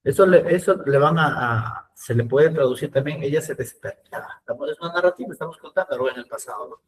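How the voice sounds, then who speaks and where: A man teaching an online English class, speaking slowly and repeating words for his students to copy. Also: on the high side, distant mic, low-quality recording.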